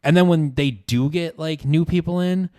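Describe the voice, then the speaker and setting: A man's voice: fairly high pitch, normal speed, dark tone, no echo. A young man co-hosting a podcast, chatting casually with slang and lots of "like" and "dude". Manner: casual slangy banter, says dude and like a lot. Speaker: podcast co-host. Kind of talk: casual chat.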